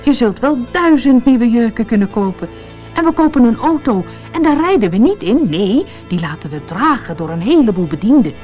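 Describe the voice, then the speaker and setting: A woman voicing a boastful, greedy poor man, excited and grandiose. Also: on the high side, moderate pace, muffled recording, soft background music, voice pushed up.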